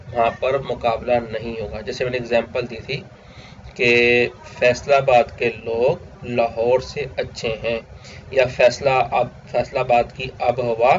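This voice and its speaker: Guy teaching grammar, repeats stuff, asks himself questions, kinda dull audio, faint hiss. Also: medium pitch. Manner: explains step by step, repeats key terms and asks himself questions. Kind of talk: classroom grammar lecture over slides.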